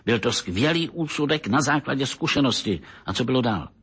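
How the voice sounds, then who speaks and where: A man voicing a calm older gentleman who weighs things in a measured, assured way in an audiobook reading. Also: medium pitch, slightly rough, exaggerated voice. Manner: calm, measured, pronouncing verdicts.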